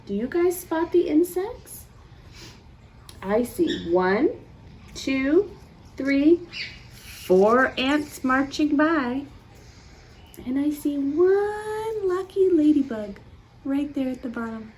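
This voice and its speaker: A high-pitched woman, heard over slight background noise, reads a picture book aloud at a children's storytime. She hams it up for the young audience with gasps, pauses, and questions directed at them.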